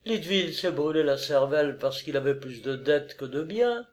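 A man reading aloud and voicing a proud, wounded young noblewoman who answers in a raised, hushed, intense voice. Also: low voice, expressive, moderate pace, voice pushed up. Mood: defiant.

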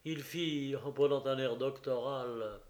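A man narrating a classic novel as an audiobook in a slow, measured storytelling manner. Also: mid-range voice, a little mellow, roomy sound.

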